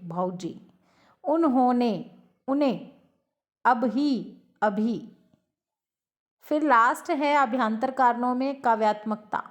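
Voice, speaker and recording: A woman teacher giving a lecture, who explains slowly, repeats each example word and asks her class questions. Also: fairly high pitch.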